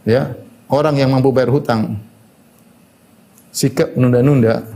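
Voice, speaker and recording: A man's voice: mid-range voice, steady tone, measured pace, warm tone. A man giving a religious lecture in a conversational way, often adding "ya" and quoting Arabic sayings. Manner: conversational, frequent "ya" fillers, quotes Arabic hadith. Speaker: Islamic preacher.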